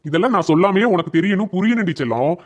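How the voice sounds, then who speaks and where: A man's voice: sits high, expressive, rapid-fire, noisy background. A man voicing a henpecked young husband in a cartoon comedy, placating and sweet-talking his wife.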